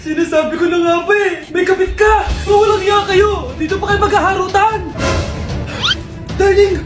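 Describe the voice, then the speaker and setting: An extremely high, excitable comedy skit voice, exclaiming with melodrama. The sound is echoey, with music clearly behind it. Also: female voice, normal speed. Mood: outraged. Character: excitable high-voiced characters in family squabble skits. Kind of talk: exaggerated comedy skit dubbing.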